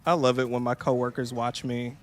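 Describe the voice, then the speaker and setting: This young game streamer has a mid-range voice with a flat delivery and a slightly fast pace. His casual chat is jokey, profane, and rambling, with the occasional mocking voice.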